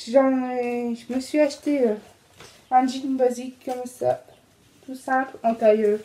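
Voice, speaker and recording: A young French woman chatting casually about her shopping, with lots of fillers and quick self-corrections. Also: high-pitched, warm tone, a little hiss or hum. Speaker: fashion vlogger. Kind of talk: casual clothing haul.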